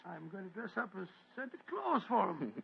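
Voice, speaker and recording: A man's voice: sits high, big pitch swings, fairly quick, gravelly, slightly rough, heavily acted. An actor playing an elderly, kindly British doctor in an old radio drama, hesitant, stammering and fussy as he talks. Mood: genial, flustered. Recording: dull vintage radio recording.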